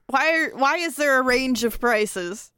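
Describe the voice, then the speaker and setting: A woman playing a tabletop game, blunt and quick to laugh. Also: sits high, expressive, pushed and bright, clean tone, no echo, studio quality. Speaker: player.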